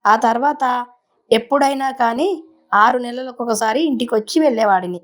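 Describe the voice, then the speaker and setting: A woman narrating a first-person story in a conversational, unhurried way, with small restarts. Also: a little high, a bit bright.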